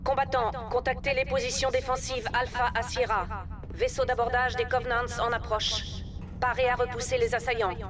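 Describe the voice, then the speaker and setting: An actor playing an urgent shipboard announcer calling combat alerts to the crew in a video game. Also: male voice, very high voice, little pitch movement, moderate pace, crowd noise.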